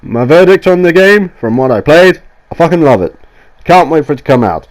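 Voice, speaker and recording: A gaming YouTuber with a cold records a casual, sweary game review into a voiceover mic, sounding nasal and coughing now and then. His voice is on the high side, with lively intonation and a fairly quick pace. He rambles enthusiastically and restarts often.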